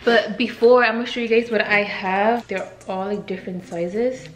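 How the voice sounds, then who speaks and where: A woman chats casually with her viewers from a room at home, calling them "you guys" as she vlogs and works in a sponsor read. Her voice is mid-range and steady at a normal speed, and the room sounds echoey.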